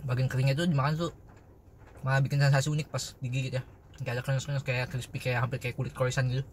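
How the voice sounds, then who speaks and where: A man's voice: mid-range voice, flat delivery, quick pace, a little hiss or hum. A young man chatting casually while eating, his mouth partly full, reviewing food for viewers. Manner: chatty, addresses viewers as guys. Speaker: food vlogger.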